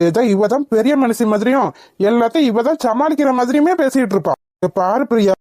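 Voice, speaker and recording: A woman's voice: a little high, expressive, fairly quick, mellow, no room sound, studio quality, close to an everyday voice. A woman voicing a bumbling young husband in a cartoon, flustered and muttering to himself as he tries to win back his wife. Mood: defensive. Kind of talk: cartoon voice acting.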